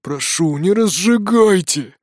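A wounded old dwarf grumbles and groans in a weak, strained voice, as a man acts him out. He sits a little higher than an everyday man, and the storybook sound stays close and dry. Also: normal speed, darkish tone, no room sound, lightly acted. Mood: weak pleading.

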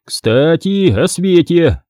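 A man's voice: fairly high pitch, lively intonation, slow pace, mellow, no echo, clean studio sound, pitched above the performer's own voice. A man doing a hearty, jovial uncle. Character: jovial middle-aged uncle, a hasty photographer.

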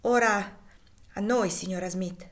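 Lady reading an earnest worried young husband, soft and strained, audiobook. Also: medium pitch, unhurried, natural voice. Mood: earnest anxious. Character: young man fleeing slavery, anxious. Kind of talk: audiobook dialogue.

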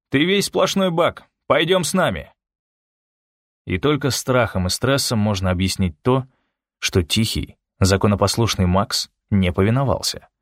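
Low-voiced man narrating an audiobook. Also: dry recording, studio quality. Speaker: audiobook reader.

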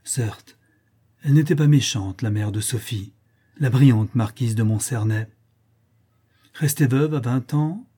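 Guy reading an old short story aloud, calm measured audiobook style, husky voice. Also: medium pitch. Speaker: narrator.

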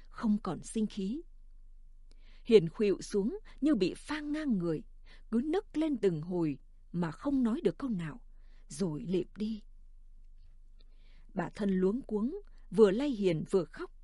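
A woman narrating a story in a calm, measured audiobook reading. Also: medium pitch, dry recording, clean studio sound.

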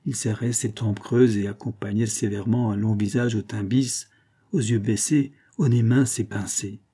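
Male audiobook narrator, husky and dark, measured classic-novel reading. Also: on the low side, steady tone.

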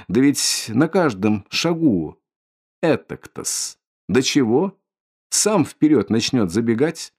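A man's voice: medium pitch, a little mellow. A man voicing a sly, fussy middle-aged male police investigator who wheedles and fawns, in an audiobook reading. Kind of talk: audiobook character voice.

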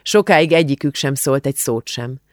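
A man reading an audiobook as narrator, telling the story in a measured, expressive way. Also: medium pitch, no room sound, clean studio sound. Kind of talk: scripted narration.

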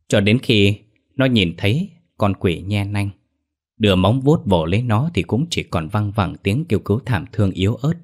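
A man narrating a horror story in a steady, dramatic reading. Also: lowish voice.

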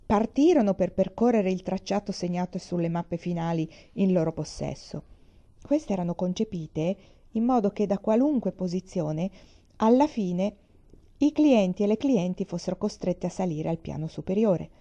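Expressive woman reading her own stories. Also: lowish voice, highs cut off. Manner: expressive reading with dramatic swings. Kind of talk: storytelling narration.

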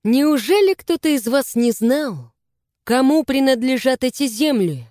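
A woman's voice: high voice, lively intonation, unhurried, mellow, no room sound, clean studio sound, voice pushed up. A woman voicing a stern young demon lord. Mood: angry. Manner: cold, commanding. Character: young male demon lord's son, stern, proud.

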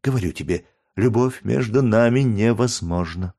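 A man's voice: on the low side, moderate pace, warm tone, voice pushed up. A man reading aloud, voicing a proud young woman who speaks through tears in an audiobook. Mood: firm. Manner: trembling, tearful pleading.

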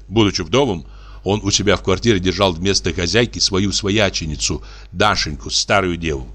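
A man narrating a story in an expressive, dramatic storytelling manner. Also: low voice. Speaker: audiobook narrator. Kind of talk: scripted narration.

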